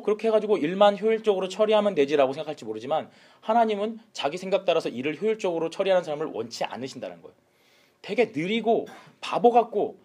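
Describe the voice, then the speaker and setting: A woman pastor preaching a sermon in an animated way, acting out quotes and slipping in English words. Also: low voice, husky.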